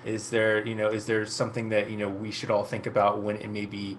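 A man's voice: on the low side, completely flat delivery, brisk, low-quality recording. A man in his thirties hosting a casual virtual event, chatty and encouraging as he passes on audience questions. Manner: chatty, encouraging, hedging asides. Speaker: host moderating audience questions. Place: indoors at home, on a video call. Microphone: wireless earbuds. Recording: light background noise on video call.

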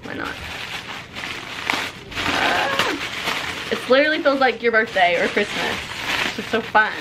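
A woman's voice: a little high, lively intonation, fast, heavy background noise. A young woman chatting casually in a bubbly, gushing sorority-girl manner as she shows things to the camera in a vlog. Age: young adult. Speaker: vlogger. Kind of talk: casual unboxing vlog chat. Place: small dorm room, indoors. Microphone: camera at about arm's length.

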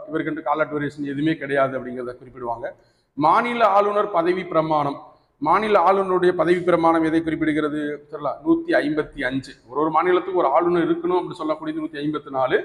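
A man's voice: fairly high pitch, fairly quick. A man with a Tamil accent teaching an exam coaching class, who keeps asking his students "right?" and mixes English terms into his speech. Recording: echoey hall recording.

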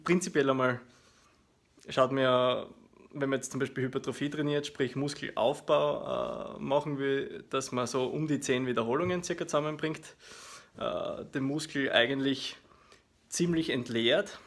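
A man in his thirties with an Austrian German accent casually explains his workout to camera, in a hesitant, explanatory way with frequent filler pauses. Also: mid-range voice, steady tone. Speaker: fitness vlogger. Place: small living room at home, indoors. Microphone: phone at arm's length.

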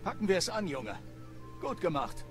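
Rich: a gruff middle-aged blacksmith in a medieval video game, a stern father giving orders. His voice moves widely in pitch over clear game music. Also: big pitch swings, moderate pace.

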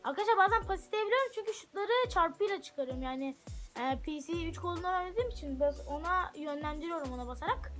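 Super high pitched girl chatting thru a soccer game at home, yells at the players sometimes, soft music behind. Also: fast talker. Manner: chatty, bursts into excited shouts at the game. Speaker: gaming channel host. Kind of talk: live gameplay commentary. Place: room at home.

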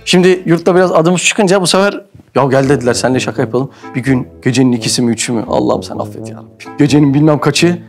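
A man from Mersin, Turkey hosting and telling a comic anecdote in a lively way, acting out quoted voices. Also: medium pitch, quick pace, faint music behind. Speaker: host and storyteller. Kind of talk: animated comic anecdote storytelling.

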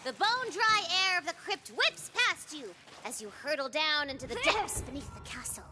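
A woman playing an excitable young game master, narrating a fantasy video game dramatically with slangy asides. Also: sits high, normal speed. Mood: dramatic, playful. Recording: game music behind.

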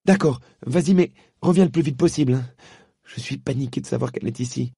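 A man voicing a spirited young girl who talks sarcastically and quickly. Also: medium pitch, vocal fry, mellow, breathy edge, no echo, clean studio sound, pitched above the performer's own voice. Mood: indignant. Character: spirited young London girl, sharp-tongued.

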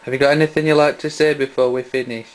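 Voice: mid-range voice, level tone, quick pace. An adult with a Yorkshire accent in a casual chat with a small child, asking simple questions and echoing the answers. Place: small bedroom indoors. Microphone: camera mic, speaker off camera.

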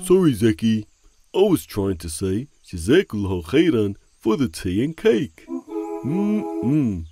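A man's voice: medium pitch, very animated, normal speed, background noise, close to an everyday voice. A man voicing a cheerful male cartoon friend who loves sweets, chatty and easily tempted, talking to himself. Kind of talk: animated children's cartoon acting. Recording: light background music.

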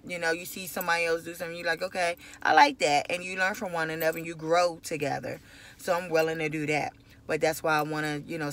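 A woman talks casually to her viewers from the seat of a car, recorded on a phone held at arm's length. Her voice has a gravelly, creaky edge. She rambles loosely and circles back over her points. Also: low-pitched, a bit bright. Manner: loose, rambling, repeats herself. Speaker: vlogger. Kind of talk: casual chat to camera. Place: inside a parked car at night. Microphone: phone camera at arm's length.

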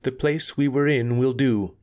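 A man's voice: mid-range voice, measured pace, a little mellow, voice pushed up, lightly acted. A man voicing a young woman devoted to a wounded lord, who speaks anxiously and pleadingly. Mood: cold, measured.

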